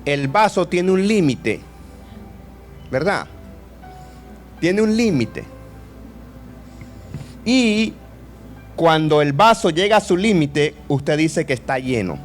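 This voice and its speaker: A man in his fifties preaching a sermon in a lively way, joking and asking the audience questions. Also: fairly high pitch. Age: 50s.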